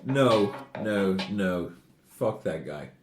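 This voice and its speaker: A man's voice: fairly low pitch, expressive, very slow, roomy sound, over music. A man from northern Norway co-hosting a podcast, joking and swearing often and laughing as he talks. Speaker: podcast co-host. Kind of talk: casual podcast banter.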